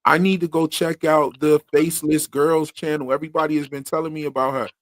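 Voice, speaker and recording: A Pennsylvania man with a Philadelphia accent hosts a podcast-style casual livestream chat, slangy and laid-back with plenty of fillers. His voice is a little high, level and fairly quick, a bit bright, with no room sound.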